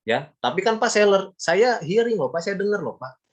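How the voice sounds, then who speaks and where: Brief: a defensive student talking back to the teacher in a pitched-up, whiny voice, as a male teacher puts him on. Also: very animated, normal speed. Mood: protesting.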